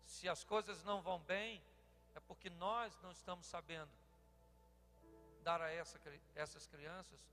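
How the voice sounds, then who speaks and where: A Brazilian man in his sixties, a pastor delivering a humorous sermon, telling animated stories and acting out dialogues. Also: fairly high pitch, moderate pace, faint music behind. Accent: Brazilian Portuguese. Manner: animated storytelling, acts out dialogues, bursts into shouting. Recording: long hall reverb.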